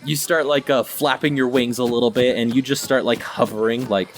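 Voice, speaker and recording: A man's voice: medium pitch, fairly even intonation, fairly quick, a little hiss or hum. A man improvising narration as game master of a tabletop role-playing game.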